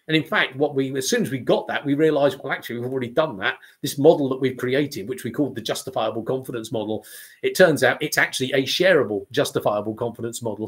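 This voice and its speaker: Animated man explaining a model. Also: medium pitch. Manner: animated storyteller, acts out imagined reactions. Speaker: communication trainer. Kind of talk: lecture-style talk to camera.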